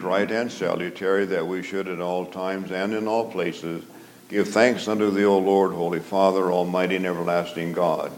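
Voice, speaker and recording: A man, a pastor, leading a formal liturgy in a solemn, measured recitation, heard with a cathedral echo. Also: sits low, a little hiss or hum. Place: large church. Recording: echoey church with loud organ music.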